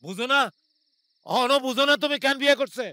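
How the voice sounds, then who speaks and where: A man's voice: very high-pitched, brisk, pushed and bright, no room sound. An actor playing a bitter village man who mocks a marriage in a TV drama. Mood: scornful. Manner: scornful and mocking. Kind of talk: TV drama acting.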